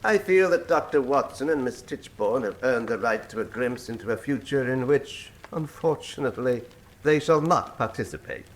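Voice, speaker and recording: An actor playing a suave, pompous criminal professor in a radio drama, speaking in eloquent, deliberate, menacing monologue. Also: male voice, mid-range voice, expressive, slight background noise, close to an everyday voice, poor audio. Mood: grandly lecturing. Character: suave, grandiose male criminal mastermind professor, coolly menacing.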